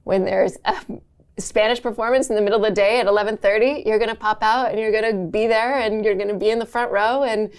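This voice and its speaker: A woman's voice: medium pitch, steady tone, quick pace, clear, resonant tone. A woman being interviewed, answering in a reflective, conversational way. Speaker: interview guest, brand executive.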